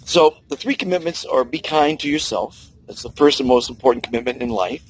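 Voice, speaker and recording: A man in his sixties from the United States talks earnestly and briskly to camera outdoors by the sea in a mid-range voice, urging kindness with emphatic swings in tone. This personal monologue from a kindness vlogger has poor audio quality.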